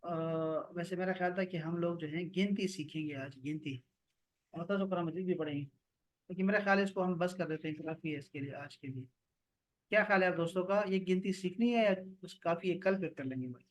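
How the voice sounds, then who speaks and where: A man teaching an online Arabic grammar class over a video call, explaining and slowly repeating words for his students. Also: high-pitched.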